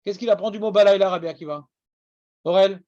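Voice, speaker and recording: A high-voiced man with an Iranian accent leads a Talmud class, brisk and teasing as he scolds his students. The sound is dry and dull, like a lo-fi classroom recording. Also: dark tone, dry recording. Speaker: Talmud teacher.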